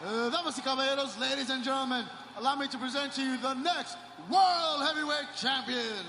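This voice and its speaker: High-pitched man doing lucha libre announcing. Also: fairly quick. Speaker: personal ring announcer introducing a wrestler. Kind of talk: lucha libre ring announcing, Spanish and English. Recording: echoey noisy arena, long reverb.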